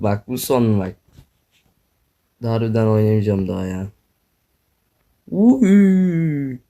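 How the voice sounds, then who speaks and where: A young man commenting on his own gameplay, groaning, swearing and complaining loudly as he plays. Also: mid-range voice. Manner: frustrated, swearing, groaning, yelping. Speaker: gaming YouTuber.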